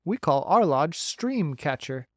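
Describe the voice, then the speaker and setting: A man's voice: a little high, very animated, slow pace, no room sound, clean studio sound, full character voice. A man voicing a friendly, talkative male beaver who eagerly gives folksy advice in an audiobook. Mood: chatty. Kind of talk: audiobook character voice.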